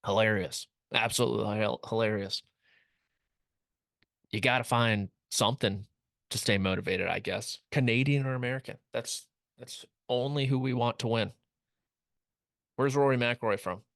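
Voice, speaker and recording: A man's voice: medium pitch, steady tone, normal speed, gravelly, long pauses, fairly bright tone, dry recording. A young man hosting a casual comedic sports recap, wry and rambling with jokey asides, recorded close in a small studio. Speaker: host.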